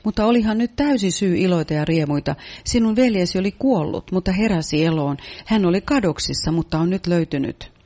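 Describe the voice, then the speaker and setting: Mellow man interpreting a sermon. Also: high voice, animated. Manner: reads out each translated passage steadily.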